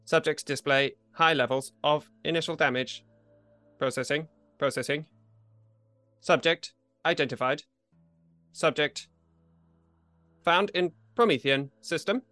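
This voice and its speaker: Lab bench computer played by a man, robotic processing voice, bright and crisp, dry sound. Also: fairly high pitch, a little slow, long pauses, no room sound, soft background music. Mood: flat robotic. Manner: robotic computer processing voice, clipped repeated status words. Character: talking lab bench computer, flat and literal. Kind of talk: tabletop game roleplay.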